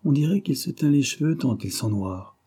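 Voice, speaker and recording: A man voicing a big, brash young man who talks bluntly and provokes others with mocking calm. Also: mid-range voice, normal speed, breathy edge, voice pushed up. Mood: scornful.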